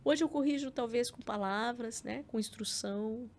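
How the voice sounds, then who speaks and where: A woman's voice: a little high, normal speed, slight background noise. A middle-aged Brazilian woman with a Brazilian Portuguese accent, a podcast guest telling a personal story in casual interview chat, acting out quoted lines. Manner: storytelling with acted quotes and frequent filler words.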